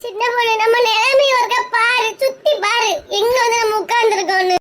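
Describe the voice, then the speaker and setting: A woman's voice: very high-pitched, fairly even intonation, a little fast, music in the background. Woman playing a whiny elder sister with a Kanyakumari accent. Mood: whining. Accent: Kanyakumari Tamil. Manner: whiny, complaining. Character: whining elder sister stuck in a cowshed. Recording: noisy recording.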